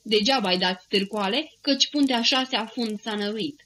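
A woman's voice: fairly high pitch, fairly bright tone, a little hiss or hum, natural voice. A woman voicing a cunning male devil chieftain who gives directions in a matter-of-fact, commanding way, in an audiobook verse reading. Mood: directing.

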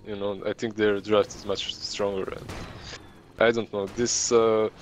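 A man casting an esports match with relaxed, analytical color commentary who laughs easily. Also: on the low side, unhurried, background noise. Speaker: esports caster.

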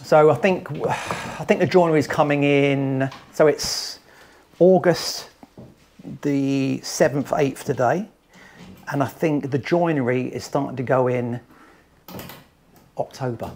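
Here a man with a mid-range, slightly mellow voice shows off a house under renovation, the recording carrying a little hiss or hum. As the renovation company's site manager, he ticks off each task in a brisk, matter-of-fact way while crossing bare plastered rooms. The wide-angle camera capturing him is held by another person a few meters away.

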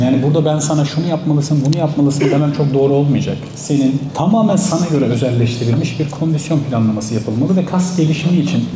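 A thirty-year-old man, a bodybuilder on a stage panel, answering fan questions directly and confidently, a bit combative. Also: on the high side. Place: large hall stage with live audience. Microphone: handheld mic. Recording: echoey hall.

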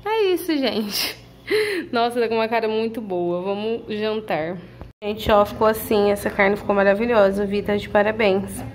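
A woman's voice: mid-range voice, normal speed, slight background noise. A young woman from Brazil hosting a casual home cooking vlog, chatting to viewers and cheering on her partner as he cooks. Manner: chatty, addresses viewers directly, praises and prompts her partner. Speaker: channel host filming her husband cooking. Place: home kitchen.

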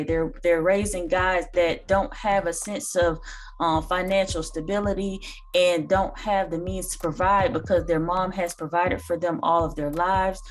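A woman in her thirties, host of a reaction channel, giving earnest, lecturing commentary with occasional ums, recorded indoors on a phone or webcam. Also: mid-range voice. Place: small room indoors.

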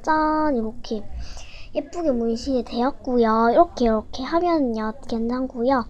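A teenage girl chatting cutely through a home tutorial vlog, often dropping to a soft near-whisper. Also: on the high side, normal speed, lo-fi sound. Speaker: vlogger.

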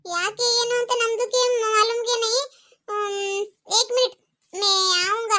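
A woman's voice: very high voice, fairly even intonation, unhurried, pushed and bright, exaggerated voice. Woman doing a drawling, gossipy neighbour who mixes in Hindi.

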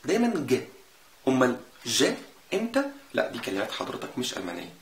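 A man with an Egyptian Arabic accent teaches in a casual, lively way and says each sound again and again to demonstrate it. He talks quickly at a middling pitch. The room echoes around him and there is faint background noise. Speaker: German language teacher. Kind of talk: casual explanatory lesson.

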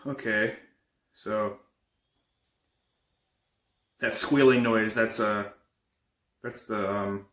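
Man acting halting, bright-voiced young ghost investigator, echoey. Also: on the low side, steady tone. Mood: uneasy, matter-of-fact. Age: young adult. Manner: halting, hesitant, casual. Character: uneasy young man investigating paranormal disturbances. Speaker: narrator of a found footage horror film. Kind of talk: improvised found footage monologue. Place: indoors, bedroom and kitchen. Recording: echoey room, amateur camera audio.

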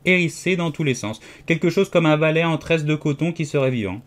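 A man's voice: a little high, a little fast, close to an everyday voice. A man reading an audiobook, voicing a pompous, condescending giant egg man who lectures haughtily. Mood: smug.

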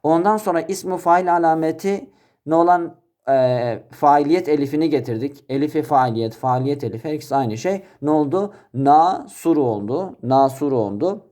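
A man's voice: on the high side, a little fast, darkish tone. A man teaching Arabic grammar in a recorded lesson, addressing listeners as brothers and answering his own questions as he explains each step.

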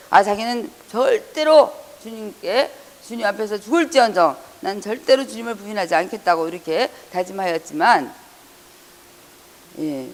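A pastor giving an earnest Sunday sermon, hesitating and correcting himself often, raising the voice when reading scripture. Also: medium pitch. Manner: frequent hesitations and self-corrections. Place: church hall. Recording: long church hall reverb.

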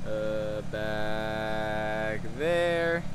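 A man's voice: on the low side, very slow. Young male homesteader, casual selfie vlog, outdoor woods, faint noise. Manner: relaxed, explains plans as he works. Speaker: homesteader and landscaper. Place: wooded lot outdoors. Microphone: phone at arm's length.

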